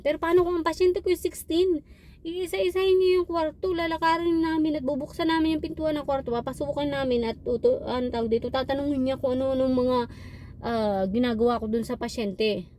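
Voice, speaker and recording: A woman vlogger who works as a patient care technician, retelling frustrating hospital shifts in an animated, exasperated way. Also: sits high, slight background noise. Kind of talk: casual storytelling vlog.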